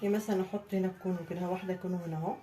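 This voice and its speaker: This woman speaks very fast in a low, warm voice with fairly even intonation, over soft background music. A home baking vlogger with an Egyptian Arabic accent, she chats to viewers and explains each step of decorating a birthday cake in her kitchen.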